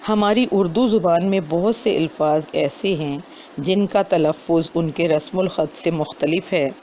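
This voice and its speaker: A man giving a lesson on correct recitation, stopping to sound out words slowly as examples. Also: fairly high pitch, a little mellow. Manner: slows down to demonstrate correct pronunciation. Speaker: Quran recitation teacher. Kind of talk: explanatory lesson with demonstrated recitation. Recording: dull lo-fi recording with faint noise.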